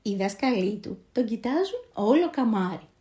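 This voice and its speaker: Woman reading a fairy tale out loud, expressive, mellow warm voice. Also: on the high side. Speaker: storyteller. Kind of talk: scripted fairy-tale narration.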